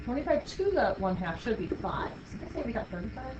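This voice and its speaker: A woman's voice: fairly high pitch, very animated, a little fast. A woman teaching a math class, upbeat, playful and encouraging with her students. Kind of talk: classroom lecture. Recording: muffled classroom recording with faint noise.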